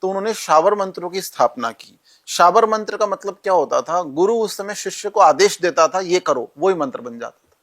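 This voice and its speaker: A man guest calmly explaining rituals and mantras in an interview, speaking directly to the listener. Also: high voice, normal speed. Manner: calm, instructive, addresses listener directly. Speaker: astrologer guest.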